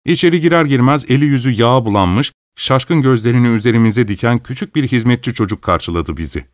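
A man reading a novel aloud as narrator, steady and measured. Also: medium pitch, no echo, clean studio sound. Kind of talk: audiobook narration.

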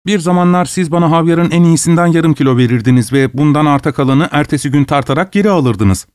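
A man's voice: on the high side, fast talker, darkish tone, clean tone, no room sound, clean studio sound, pitched above the performer's own voice, natural voice. A man voicing a stingy, anxious male host who speaks with strained, ingratiating politeness. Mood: wheedling.

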